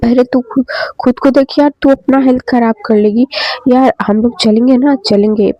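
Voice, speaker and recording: A woman's voice: a little high, fairly even intonation, moderate pace, no echo, pitched above the performer's own voice, lightly acted. A woman voicing a caring young female college friend, coaxing and insistent, in a storybook reading. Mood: soothing. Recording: dry, slightly dull lo-fi.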